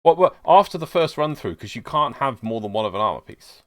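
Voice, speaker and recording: Animated, argumentative podcast co-host man. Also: medium pitch, brisk. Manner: animated, argumentative, laughs often. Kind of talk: casual gaming podcast chat.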